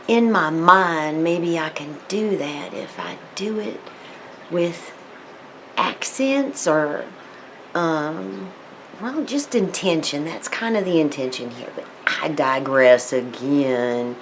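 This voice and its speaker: A woman talks to camera at an unhurried, slow pace, drifting between thoughts with fillers and restarts. Her voice sits slightly low, and she playfully slips in and out of put-on accents. A faint hiss of background noise runs under the recording. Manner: rambling, digressive, with many fillers and restarts. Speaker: tarot storyteller vlogger. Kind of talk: casual rambling vlog talk.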